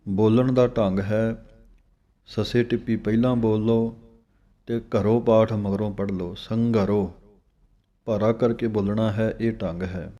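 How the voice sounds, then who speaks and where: A man teaching scripture recitation. He chants verses slowly with pauses and gives plain spoken instructions on pronunciation. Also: lowish voice, steady tone, mellow, dull audio.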